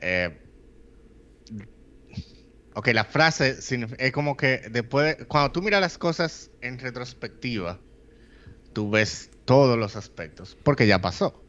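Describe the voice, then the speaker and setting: A man's voice: mid-range voice, lively intonation, slow pace, pauses often, a bit bright, dull audio. A man, co-hosting a podcast, explaining at length and mixing in English phrases. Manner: rambling explanations with English phrases and many "eh" fillers. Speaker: podcast co-host. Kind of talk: casual chat.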